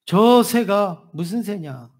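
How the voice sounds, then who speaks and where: A male pastor voicing a frail, forgetful elderly father who asks questions softly and slowly. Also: high voice, expressive, voice pushed up, exaggerated voice. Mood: gentle. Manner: soft, slow, hesitant questions.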